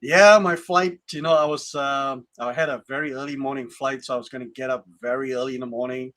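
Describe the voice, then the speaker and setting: A man's voice: medium pitch, steady tone, a little fast, fairly bright tone. A man co-hosting a casual tech podcast over a video call, chatty with lots of laughs and fillers. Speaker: podcast co-host. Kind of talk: casual chat.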